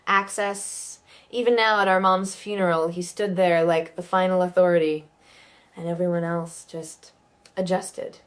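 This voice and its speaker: Low-voiced woman narrating a story. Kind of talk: first-person story narration.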